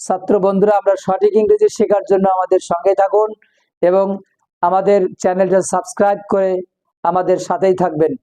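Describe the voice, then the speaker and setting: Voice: medium pitch, little pitch movement, brisk, mellow, low-quality recording. A teacher giving a recorded English lesson. The teacher repeats each word several times and breaks words into their parts. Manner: switches between English and Bengali explanations.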